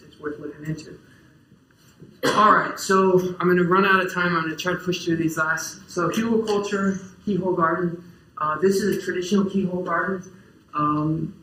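A man's voice: on the high side, fairly bright tone. A young man giving a casual farming presentation in a lecture hall, often saying "uh" and "um" and restarting his sentences. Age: young adult. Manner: casual, many fillers and restarts. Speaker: farmer giving a talk. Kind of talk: conference presentation. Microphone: distant camera in the audience. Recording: roomy lecture hall echo.

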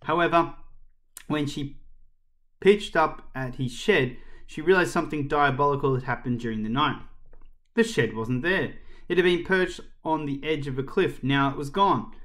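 A man reading a children's chapter book aloud as a storyteller, in a lively, expressive way. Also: on the high side, moderate pace.

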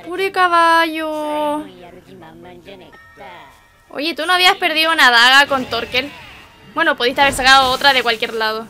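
A woman's voice: high voice, fast talker, bright, forceful tone, soft background music. A young woman with a Chilean accent giving casual reaction commentary as an anime reaction host, exclaiming and making sympathetic asides to her viewers. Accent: Chilean Spanish.

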